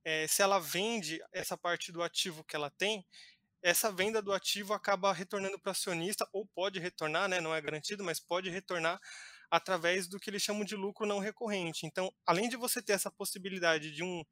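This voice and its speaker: A man's voice: high-pitched, a little fast, sharp tone. A man giving live market commentary as an investment analyst, explaining with frequent fillers and restarts.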